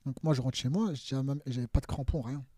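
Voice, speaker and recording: A man in his thirties, a footballer guest on a podcast, telling anecdotes in an animated, casual way, mimicking voices and laughing often. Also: medium pitch, quick pace, no room sound, studio quality.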